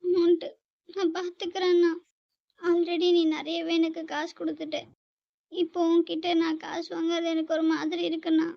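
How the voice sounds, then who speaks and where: A woman's voice: extremely high pitch, flat delivery, moderate pace, vocal fry. A woman playing a tearful, scheming young sister. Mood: tearful pleading. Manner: tearful, pleading, calls him brother repeatedly. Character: young woman faking tears to get money. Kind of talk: amateur short drama acting. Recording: muffled dry recording.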